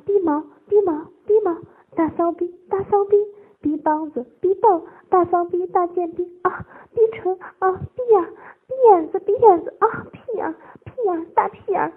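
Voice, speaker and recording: Adult audio drama: woman putting on a forties bank manager, breathless high cries, husky, tinny phone-like sound. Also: lively intonation, heavily acted. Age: 40s. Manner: breathless high-pitched crying out, fast bursts. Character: female bank manager in her forties, shy turned eager.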